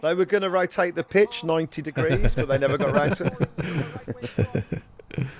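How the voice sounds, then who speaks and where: A man with a slightly raised pitch talks eagerly through a casual watch-along. He laughs often and keeps stopping to restart his sentences as his excitement gets ahead of him. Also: slow, pauses often. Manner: enthusiastic, hesitant restarts, laughs a lot. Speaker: podcast co-host.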